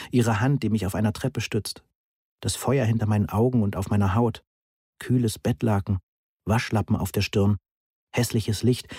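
Low, husky male audiobook narrator. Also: mellow, no room sound, studio quality. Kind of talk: scripted first-person narration.

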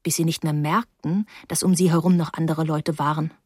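A woman narrating a first-person story in a measured, quietly dismayed way. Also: sits low, fairly even intonation, breathy edge, dry recording, clean studio sound. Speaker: audiobook narrator.

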